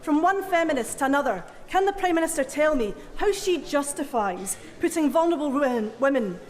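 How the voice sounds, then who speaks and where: A woman's voice: high-pitched, animated, a little fast. A woman opposition politician putting a pointed, indignant challenge in parliament. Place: large debating chamber. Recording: echoey debating hall.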